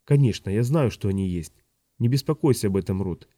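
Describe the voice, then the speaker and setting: A man reading an audiobook, voicing a middle-aged noblewoman who is sharp-tongued but tender, speaking softly and quietly with occasional rises in pitch. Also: animated, a little fast, no room sound, clean studio sound.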